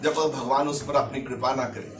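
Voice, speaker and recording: At a religious gathering, a man acting as a spiritual leader answers questions in a medium-pitched, fairly even voice at normal speed, with crowd noise around him. He is emphatic, preaches, and explains terms as he goes. The recording is echoey and he sounds far from the mic.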